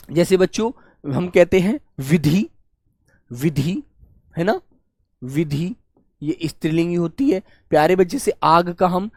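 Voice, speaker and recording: A man teaching a grammar class for exam students, warmly coaxing and asking questions that he then answers himself. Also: high-pitched, dry recording, studio quality. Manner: warm coaxing, calls students "beta", asks and answers his own questions; stretches key words slowly while dictating notes.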